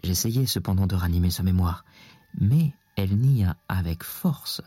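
A man narrating a literary story in a measured way that often drops to a whisper. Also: low-pitched, expressive, warm tone, slightly rough, no room sound.

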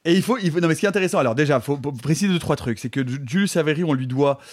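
A man's voice: on the high side, expressive, rapid-fire. A man chatting casually about films, enthusiastic and joking with his co-hosts. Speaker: film critic panelist. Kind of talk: casual film review chat.

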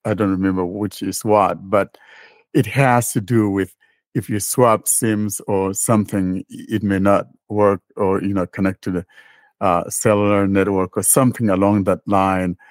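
A man with a low voice chats through a tech podcast in an easygoing, rambling way. Now and then he slips in dry sarcasm. He is recorded dry and close on the mic. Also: steady tone, a little slow, dry recording. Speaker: podcast host. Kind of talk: casual tech podcast chat.

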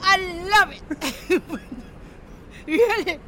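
A woman with a Korean accent, a shopkeeper being interviewed in halting, broken English. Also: very high voice, lively intonation, sharp tone, slight background noise. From South Korea.

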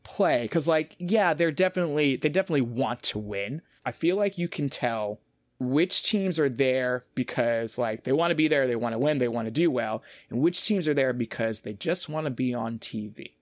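Animated man chatting casually. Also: mid-range voice, normal speed, dry recording, studio quality. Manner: animated, repeats words while gathering his thoughts. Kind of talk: casual chat.

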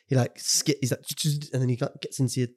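A man's voice: mid-range voice, fairly even intonation, quick pace, darkish tone. A man co-hosting a film podcast, joking and laughing easily in casual chat. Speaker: podcast co-host.

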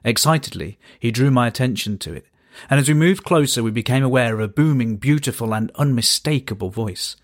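A man's voice: mid-range voice, animated, a little fast. A man in his thirties from Birmingham, hosting a podcast and reading his own story with dry, wry understatement. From Birmingham, England. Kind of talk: scripted first-person storytelling.

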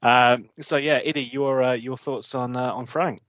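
A man with an Essex accent hosts a relaxed football discussion, passing questions around the panel. His voice sits at an ordinary male pitch, captured dry and slightly dull. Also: moderate pace, no room sound. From Essex, England. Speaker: podcast host. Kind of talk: casual football panel talk. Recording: dull, lo-fi close recording.

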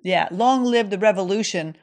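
A woman's voice: medium pitch, normal speed, darkish tone. A Swedish-born woman in her forties telling her own story on a solo podcast, candid, acting out her own quotes, with a morning throat. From Sweden. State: morning throat, sipping coffee. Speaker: podcast host.

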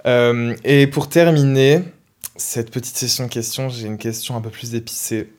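A man's voice: mid-range voice, steady tone, normal speed, a little mellow. A man hosting a podcast interview, chatty and slangy in a loose, casual way. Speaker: podcast host.

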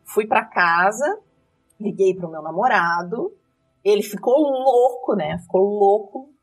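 A woman's voice: medium pitch, takes it slowly, far from the mic, soft background music. A woman, telling a dramatic story from her rideshare driving in casual chat. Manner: lively, dramatic retelling with quoted dialogue.

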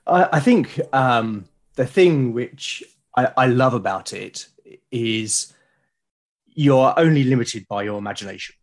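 A British man in his forties, an illustrator appearing as a podcast guest, chats casually in a mid-range voice. His intonation is lively and his pace measured, and he comes across as reflective and enthusiastic.

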